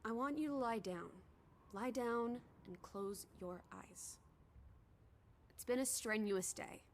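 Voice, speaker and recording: A woman's voice: on the high side, expressive, a little fast, slight background noise. An actress voicing a spirited, teasing young woman companion in a video game, breezy, sardonic and a little bossy. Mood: soothing. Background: game music.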